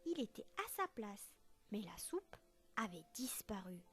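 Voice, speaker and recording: Woman teacher reading a kids' story real slow, voice goes up and down a lot, bit of music behind. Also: mid-range voice, big pitch swings, fairly bright tone. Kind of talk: children's story read aloud.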